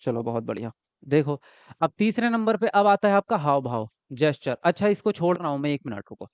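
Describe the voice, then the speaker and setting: A man teaching an exam-prep class online, lively and repetitive, often checking whether his students follow. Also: a little high, a little fast, no echo, muffled recording. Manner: lively, repeats words and asks students if they follow.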